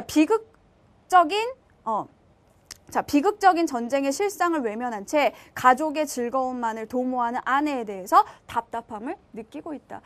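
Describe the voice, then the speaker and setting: Female teacher, lecture delivery, bright high voice that swings a lot, acts out quoted dialogue. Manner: animated, acts out quoted lines from the text; checks in with students often, asking "right?". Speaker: high school literature teacher. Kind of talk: lecture to students.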